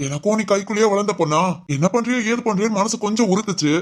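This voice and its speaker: A woman playing a gentle, encouraging middle-aged father in an amateur family drama, speaking in a fast, soothing way. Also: mid-range voice, natural voice.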